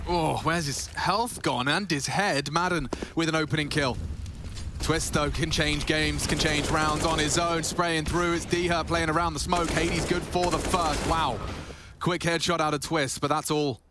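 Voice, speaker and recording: A man's voice: on the high side, fairly even intonation, measured pace, background noise. A man doing live esports play-by-play commentary in dramatic, short punchy phrases.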